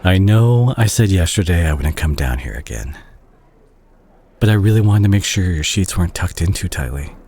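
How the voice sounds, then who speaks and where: Tender and wistful, a man in an intimate audio roleplay portrays a regretful, caring doctor and ex-boyfriend, opening up to the listener in halting confessions. His voice is low, dark, and husky, and the animated delivery is heavily acted.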